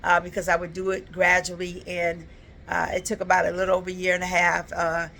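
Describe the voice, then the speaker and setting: A woman's voice: lowish voice, completely flat delivery, fairly quick, creaky, a bit bright. A woman in her fifties, talking earnestly and reflectively in a casual personal vlog, with frequent ums and uhs. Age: 50s. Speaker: vlogger.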